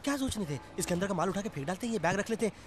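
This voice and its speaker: An actor playing a naive, jumpy young theatre worker in a comedy film, eager and quick to protest. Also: male voice, sits high, lively intonation, faint music behind. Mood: excited.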